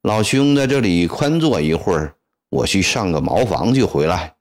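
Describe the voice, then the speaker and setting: A man's voice: low-pitched, sing-song, moderate pace. A man voicing an uncouth middle-aged male army commander who talks bluntly. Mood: gruff. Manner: blunt, crude.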